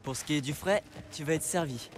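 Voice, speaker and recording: A man's voice: on the high side, a little fast, close to an everyday voice. A young male actor playing an earnest, stubborn teenage boy adventurer in a video game. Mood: curious. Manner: earnest, youthful. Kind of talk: video game drama acting. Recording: noisy game ambience behind.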